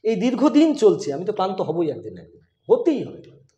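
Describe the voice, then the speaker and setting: A man's voice: high-pitched, wildly swooping pitch, brisk, dark tone, dull audio. A man who heads a school, speaking in an insistent, emphatic way and repeating his key points. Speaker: school headmaster. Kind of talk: conversational interview. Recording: roomy sound.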